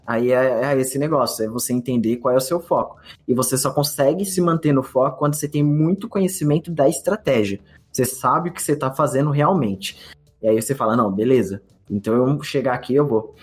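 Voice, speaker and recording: A Brazilian man co-hosting a podcast, telling a story in casual chat and acting out his own past thoughts. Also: mid-range voice. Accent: Brazilian Portuguese. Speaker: podcast co-host.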